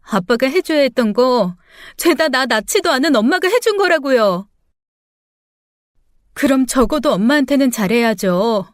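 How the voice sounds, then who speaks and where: A woman voicing a grown daughter who is bitter and defiant toward her father, with sharp, accusing, tearful protests. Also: high voice, no echo, studio quality, pitched above the performer's own voice. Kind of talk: radio drama acting.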